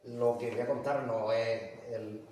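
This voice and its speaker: A man's voice: mid-range voice, steady tone, a little slow, warm tone, slight background noise. A man with an Andalusian Spanish accent giving a public talk about local history and legends, in a conversational manner that often asks the audience questions. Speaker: lecturer. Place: large echoey palace hall. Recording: echoey hall from far off.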